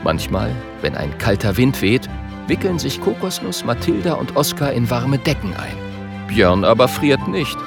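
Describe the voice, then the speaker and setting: A man narrating a children's audiobook in an unhurried, expressive way. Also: mid-range voice, gravelly. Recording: faint music underneath.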